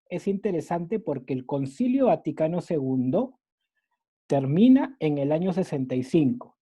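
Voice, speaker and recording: A Peruvian man with a fairly high, mellow voice and a breathy edge teaches a catechism lesson. His Latin American Spanish accent is mixed but rests on a Peruvian base, and he explains things earnestly, often restarting with fillers. The lo-fi recording sounds dull.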